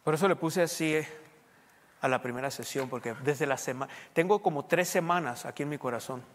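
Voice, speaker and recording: A man delivers a conversational sermon, pressing his listeners with rhetorical questions and slipping in English phrases now and then. His voice sits somewhat high for a man, and a long reverb trails behind his words. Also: fairly quick. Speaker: preacher. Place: U.S. Southwest.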